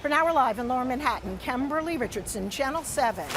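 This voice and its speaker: A high-pitched American woman delivers a live TV news report in a measured, deliberate way. She speaks as a field reporter, with faint street noise behind her. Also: lively intonation.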